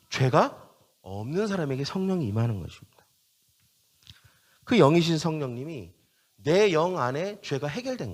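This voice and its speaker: A male pastor delivering a sermon in a high, lively voice that swings widely up and down. He hammers key phrases again and again and keeps turning to the congregation with questions.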